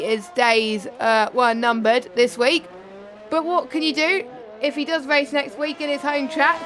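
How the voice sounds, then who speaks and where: A woman's voice: sits high, a bit bright, a little hiss or hum. A young woman co-commentating a sim racing league, talkative and analytical, often correcting herself.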